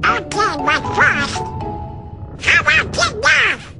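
A performer playing a grumpy male cartoon duck in a video game, with a garbled, raspy, quacking voice. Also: very high voice, big pitch swings, slow, over music, full character voice.

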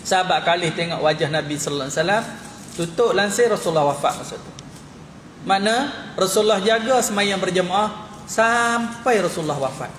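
A middle-aged preacher with a northern Malaysian Malay accent lectures in a madrasah hall and chides his audience with rhetorical questions. His voice sits high for a man. The room is echoey, with a long reverb and faint noise behind him. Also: a little fast, fairly bright tone. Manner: scolding, rhetorical questions, repetition. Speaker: religious teacher. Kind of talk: mosque lecture.

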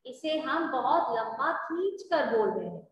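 A woman teaching young children, slowly explaining with example words, stretching the vowels and checking whether the children understood. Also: high voice, expressive, distant mic. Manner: asks the children if they understood. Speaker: primary school teacher. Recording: echoey classroom with faint background noise.

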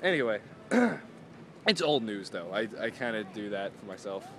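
A man's voice: fairly low pitch, sing-song, unhurried, slight background noise. A young man in a casual, rambling vlog, filmed outdoors in a parking lot. He is chatty and self-mocking, and often trails off and restarts. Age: young adult. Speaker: vlogger. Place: outdoors in a parking lot beside parked cars.

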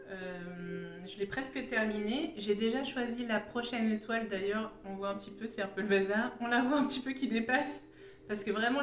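Slight background noise accompanies this mid-range female voice: a woman in her thirties from Champagne, France, hosting her first hobby vlog while nursing a sore throat. Talkative yet hesitant, she wanders casually from point to point inside a stone-walled room at home. Captured on a phone held at arm's length or slightly further, the audio sounds roomy and echoey, with faint music underneath.

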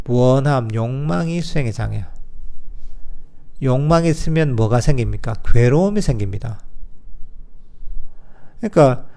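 A man, a Buddhist monk giving a dharma talk. He talks plainly, asks rhetorical questions, and turns gentle and soothing at times. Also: mid-range voice. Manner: gentle, soothing when voicing self-compassion.

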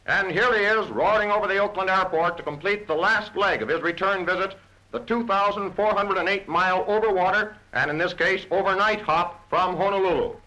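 Man, old newsreel narrator, high voice, brisk excited announcer, scratchy 1930s soundtrack. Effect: old newsreel voice-over.

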